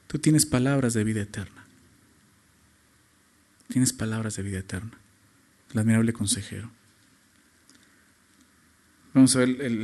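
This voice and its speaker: A man preaching a sermon as pastor, stressing points with rhetorical questions and moving between loud emphasis and quiet low phrases.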